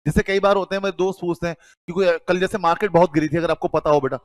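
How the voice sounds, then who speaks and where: A man's voice: sits high, fairly even intonation, quick pace, dry recording. A man teaching accounting to a class, calling students "beta" and asking then answering his own questions. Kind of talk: classroom lecture.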